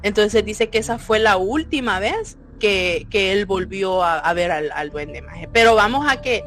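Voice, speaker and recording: A woman, co-hosting a podcast and telling a story with lively, acted-out voices. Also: mid-range voice, a little slow, faint music behind. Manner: animated, acts out quoted voices. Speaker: podcast co-host. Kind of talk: casual storytelling.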